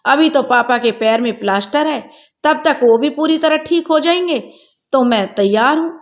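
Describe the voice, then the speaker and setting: A woman's voice: high voice, normal speed, voice pushed up, natural voice. A woman voicing a bashful, trusting young woman in a storybook reading, with shy, pouting replies.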